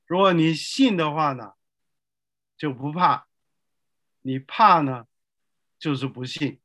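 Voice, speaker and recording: An older male pastor preaching a sermon slowly and emphatically, asking the listeners rhetorical questions. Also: fairly high pitch, lively intonation, a bit bright, dry recording.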